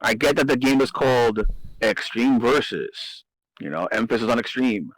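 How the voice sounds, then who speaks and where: A man walks through game tactics in a relaxed podcast chat, stumbling over and repeating words as he presses his points. His voice sits at a middle pitch. The sound is close and dry with no room around it. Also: quick pace, no echo, poor audio. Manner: explanatory, repeats himself, emphatic. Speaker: host. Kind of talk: casual gaming strategy discussion.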